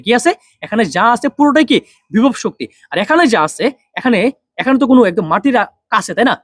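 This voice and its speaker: Fast-talking young male physics tutor. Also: very high voice, dry recording, clean studio sound. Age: young adult. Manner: quick, drills students with repeated questions and answers. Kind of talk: online physics lesson.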